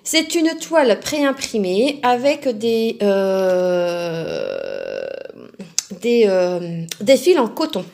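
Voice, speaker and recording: Female crafting host, slightly raised pitch, casual rambling unboxing chat full of fillers. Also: animated, very slow, a little mellow. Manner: chatty and self-talking, musing aloud with many fillers.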